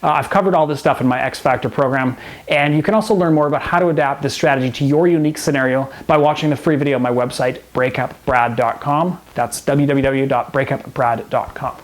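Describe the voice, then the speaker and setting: A man with a medium-pitched voice, speaking a little fast, hosts a scripted advice video as a relationship coach. He instructs the viewer, talking directly to camera.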